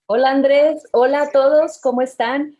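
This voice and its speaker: A woman's voice: sits high, fairly even intonation, normal speed, dark tone, lo-fi sound. A woman in her fifties from Mexico, chatting cheerfully as an interview guest and laughing often. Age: 50s. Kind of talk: casual interview chat.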